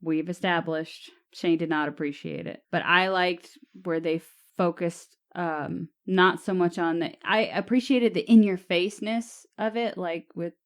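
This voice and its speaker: A woman's voice: on the low side, fairly even intonation, unhurried, hardly any pauses. A woman in her late twenties co-hosting a podcast, chatting casually with playful teasing. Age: 20s. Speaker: podcast co-host.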